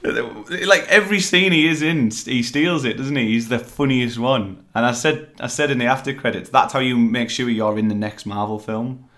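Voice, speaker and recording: A man's voice: mid-range voice, normal speed, hardly any pauses, bright, forceful tone. A man hosting a casual film review chat, rambling and hesitant with lots of fillers. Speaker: film reviewer, podcast host.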